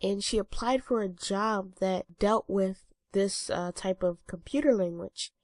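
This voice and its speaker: Speaking a little slowly in a slightly mellow, mid-range voice with no echo, a young woman in her twenties addresses her viewers. Her nose is congested, and her casual talking-head vlog rambles along full of ums and uhs.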